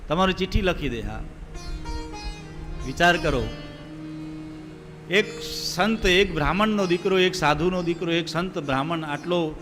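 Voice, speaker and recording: A man's voice: on the high side, a little slow, long pauses. A male preacher gives a devotional sermon, telling stories and putting rhetorical questions to his listeners. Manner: storytelling, asks the audience rhetorical questions. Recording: reverberant hall with sitar music behind.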